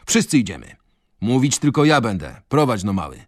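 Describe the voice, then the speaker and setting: A man reading aloud and voicing a desperate, reckless young drunkard, with loud, urgent outbursts in a raised voice. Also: mid-range voice, very animated, moderate pace, no room sound. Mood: defiant.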